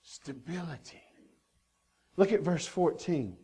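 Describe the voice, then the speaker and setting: A male pastor delivers a sermon in an earnest, emphatic manner, driving his points home with repeated phrases. His voice sits a little higher than most men's. He speaks from a church stage mic. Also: lively intonation, moderate pace, darkish tone. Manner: earnest preaching with emphatic repetition.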